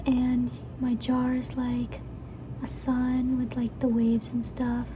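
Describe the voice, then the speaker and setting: A young woman rambling softly in ASMR style while mukbang eating, talking between bites and slipping into whispers. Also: on the high side, completely flat delivery, slow. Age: young adult. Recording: clear background noise.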